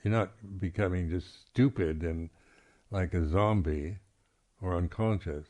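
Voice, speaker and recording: A man who teaches as a Buddhist monk speaks in a deep voice with a dark tone. At a meditation retreat, he gives a reflective, unscripted talk, halting often and clearing his throat.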